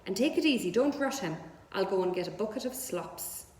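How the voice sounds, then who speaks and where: A woman voicing a calm storybook farmer who gives measured, coaxing orders. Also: mid-range voice, reverberant, close to an everyday voice. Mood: calm, instructing. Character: calm farmer man giving quiet orders.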